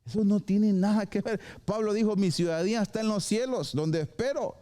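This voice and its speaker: Preaching live at a church service, this male pastor speaks in a high voice, a little fast. His style is lively, with short acted-out dialogues and English phrases mixed in.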